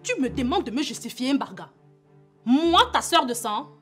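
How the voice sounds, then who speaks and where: A woman's voice: sits high, big pitch swings, normal speed, soft background music. A woman with a Cameroonian French accent playing a defiant sister who accuses her brother's wife. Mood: accusing. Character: bitter, accusing sister-in-law. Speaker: husband's sister.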